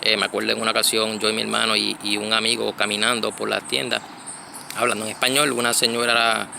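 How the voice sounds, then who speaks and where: A man from Connecticut, giving a casual spoken church reflection, halting and full of fillers and restarts, recorded outdoors. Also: lowish voice, level tone, vocal fry, noisy background. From United States (Connecticut).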